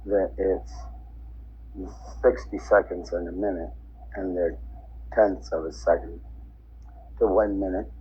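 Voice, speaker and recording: A man making a dictaphone-style spoken log of dates and times, halting and repetitive, often counting aloud. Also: deep voice, a little mellow, slightly rough. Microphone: tablet voice recorder. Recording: dull, noisy handheld voice-recorder sound.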